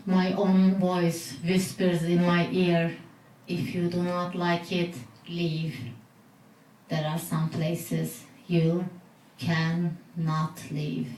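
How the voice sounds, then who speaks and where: A woman poet giving a slow, deliberate poetry reading in a bar. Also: lowish voice, a little mellow. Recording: roomy, distant mic with noise.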